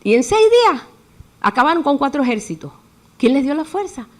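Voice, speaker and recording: A woman preaching a sermon in a lively way, acting out the voices she quotes. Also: high-pitched, fairly quick.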